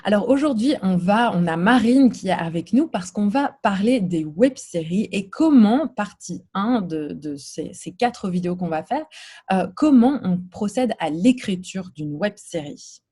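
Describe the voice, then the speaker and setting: A woman's voice: mid-range voice, expressive, a little slow, warm tone, breathy edge. Belgian-born woman hosting an interview. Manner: guiding questions, summarizing the guest. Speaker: channel host and interviewer.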